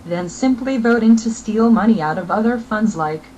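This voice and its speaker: A woman narrates a scripted political message at an average pitch. Her delivery is formal and declarative. A faint noise sits behind the voice. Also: moderate pace, darkish tone, dull audio.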